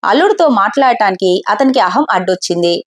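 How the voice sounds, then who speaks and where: A woman storyteller narrating a scripted family story at a steady pace. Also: mid-range voice, fast.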